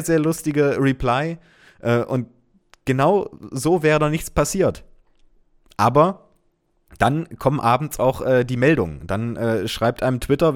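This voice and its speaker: A man reading out reactions to his post with sarcastic, deadpan asides in casual commentary. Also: medium pitch. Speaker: social media commentator.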